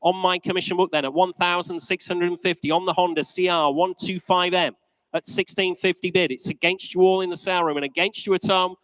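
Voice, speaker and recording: A man's voice: high-pitched, steady tone, fairly quick, fairly bright tone, no room sound, low-quality recording. A man working as an auctioneer, calling bids live in a polished, courteous, repetitive patter.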